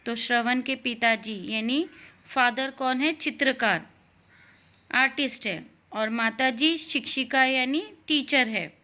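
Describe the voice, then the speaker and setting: Patient woman teacher for young children, slow and clear, bright and a bit high. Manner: slow, patient, spells out syllables and glosses words in English. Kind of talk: first-grade Hindi lesson.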